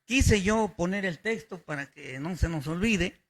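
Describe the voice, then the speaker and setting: A man's voice: high voice, expressive, unhurried. A male pastor preaching a sermon, emphatic and repeating his key phrases.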